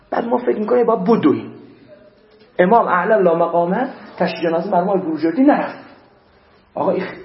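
A male cleric preaches an animated sermon in a high-pitched voice, weaving recited Arabic verses into his speech. The lo-fi recording is roomy, dull and muffled.

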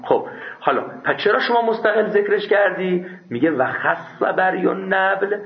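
Lively lecturing man in a roomy, dull recording. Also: sits high. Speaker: seminary teacher. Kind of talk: classroom lecture on a religious law text.

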